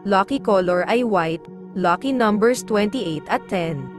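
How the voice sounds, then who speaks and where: A woman narrating daily horoscopes in a measured, formal reading style. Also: medium pitch. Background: faint background music.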